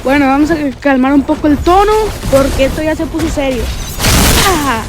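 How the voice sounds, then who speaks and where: A woman giving playful, excitable commentary while playing a video game and yelling at what happens on screen. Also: sits high, moderate pace, heavy background noise. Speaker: gaming channel host. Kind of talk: let's play commentary. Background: loud game music and gunfire.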